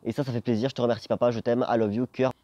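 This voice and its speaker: A man's voice: medium pitch, little pitch movement, rapid-fire, mellow, no room sound, muffled recording. A young man telling a personal story to camera in a casual, jokey, theatrical and slangy way. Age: young adult. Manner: jokey, theatrical, swearing freely.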